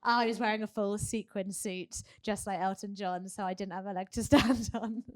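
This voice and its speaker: A woman's voice: mid-range voice, fairly even intonation, normal speed, a little mellow. A young woman, a marathon runner, chatting and laughing often with many fillers in a live podcast interview. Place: live event hub.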